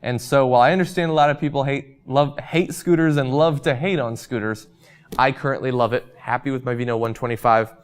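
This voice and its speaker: A man's voice: medium pitch, brisk, smooth. Casual man answering viewer comments. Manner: relaxed, chatty, frequent ums and uhs. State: losing his voice. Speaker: host.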